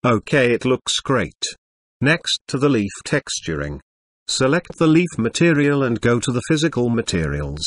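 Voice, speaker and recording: A synthetic, stilted male computer voice, like an old speech synthesizer, narrating a scripted software tutorial. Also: medium pitch, big pitch swings, moderate pace. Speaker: tutorial presenter.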